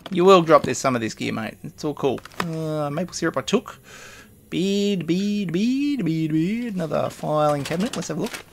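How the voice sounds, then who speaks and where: Chatty gravelly man. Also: on the high side, fast talker, fairly bright tone, slight background noise. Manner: chatty, rambling, mutters item names and laughs to himself. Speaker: gaming video host. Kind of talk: casual gameplay commentary.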